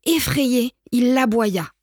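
Slow, gentle woman reading a storybook. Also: on the high side, no room sound, studio quality. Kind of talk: children's storybook read-aloud.

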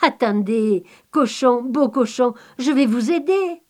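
A woman voicing a naive, simple-minded young man who is eager to help, in a bright singsong manner. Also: on the high side, lively intonation, takes it slowly.

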